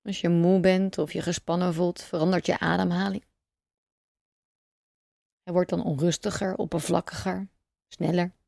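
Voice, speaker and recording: A woman guiding a breathing meditation, speaking calmly and slowly in a soothing way with long pauses. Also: on the low side, vocal fry, no echo, clean studio sound. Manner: calm, slow, soothing instruction with long pauses. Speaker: meditation guide. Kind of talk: guided breathing meditation narration.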